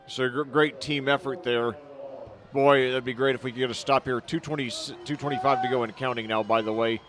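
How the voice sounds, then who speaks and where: A man doing color commentary for a high school football broadcast, openly rooting for the home side and loose with fillers. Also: steady tone, brisk. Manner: partisan, loose with fillers, recaps the score.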